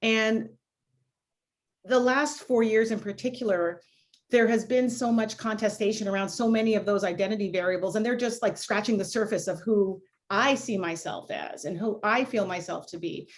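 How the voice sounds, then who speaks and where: A woman's voice: medium pitch, normal speed. A woman born in Jamaica and raised in Canada, a law school dean answering on a video panel in a reflective, candid way with many "you know" fillers.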